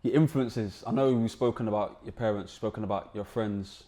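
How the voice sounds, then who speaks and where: A man's voice: fairly low pitch, moderate pace, mellow. A young man with a London roadman accent, hosting a casual podcast chat in informal street slang and banter. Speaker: podcast host.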